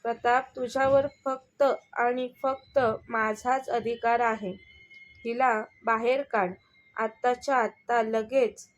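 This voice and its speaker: A woman's voice: fairly high pitch, flat delivery, takes it slowly. A woman voicing a jealous, possessive young woman who demands and insults in an angry storybook scene.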